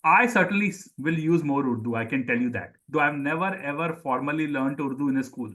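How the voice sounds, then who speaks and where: A Hindi teacher, probably middle-aged, runs a live online group lesson, explaining material, repeating words for his pupils and calling on them by name to question them. He has an Indian accent, Sindhi is his mother tongue, and his brisk voice is on the high side, bright and forceful.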